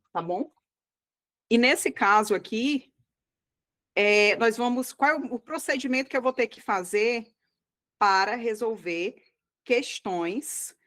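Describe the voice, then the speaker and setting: With a fairly high, slightly bright voice and a Brazilian Portuguese accent, she walks students step by step through grammar for an exam. Her style is didactic: she checks in often with "tá?" and "tá bom?" and slows to emphasize important words.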